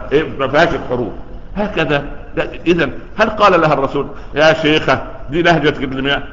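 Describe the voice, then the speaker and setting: Fast, bright-voiced preacher in a hall. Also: male voice. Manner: storytelling, acts out quoted voices with big pitch swings. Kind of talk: sermon. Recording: echoey long-reverb hall, dull lo-fi sound.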